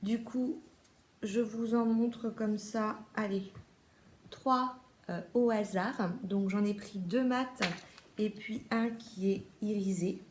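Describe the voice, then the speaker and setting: A woman with a French accent talks through her latest beauty purchases in a loose, chatty way, often pausing on fillers and restarting her sentences. Her voice sits at a middling pitch, and the room around her adds a noticeable echo. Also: fairly even intonation, a little mellow, a little hiss or hum. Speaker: beauty vlogger. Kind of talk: casual haul video.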